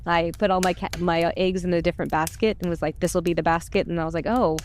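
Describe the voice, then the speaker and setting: Talking fast in a lowish voice with a steady tone, a podcast cast member and volunteer enthuses chattily about the project in a casual conversation. Slight hiss or hum sits under the recording.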